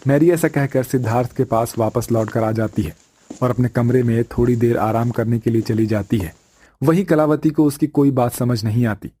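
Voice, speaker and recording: A man narrating a scripted cartoon story in a steady, even way. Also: mid-range voice, moderate pace, a little hiss or hum.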